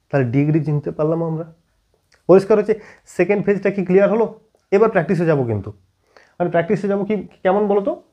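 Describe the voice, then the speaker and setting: Animated, husky-voiced male grammar teacher. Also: fairly high pitch. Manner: constantly checks understanding with quick questions. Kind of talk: classroom-style video lesson.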